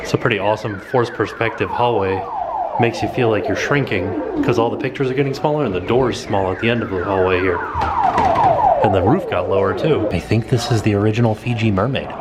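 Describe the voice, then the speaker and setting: A man's voice: on the low side, brisk. A man giving casual, off-the-cuff vlog commentary as he tours exhibits, pointing things out with mild amazement. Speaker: vlogger touring a museum. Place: indoor museum exhibit rooms. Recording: loud music behind the voice.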